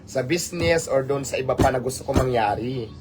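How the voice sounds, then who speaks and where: A man's voice: mid-range voice, brisk, over music. A man hosting a casual livestream, talking animatedly and rhetorically, mixing in English phrases. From Philippines. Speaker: livestream host.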